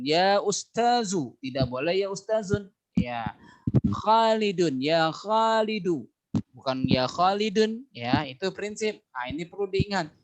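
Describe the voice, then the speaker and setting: A man's voice: medium pitch, slight background noise. A man with an Indonesian accent teaching an Arabic class online, patiently drilling words and stretching out each example.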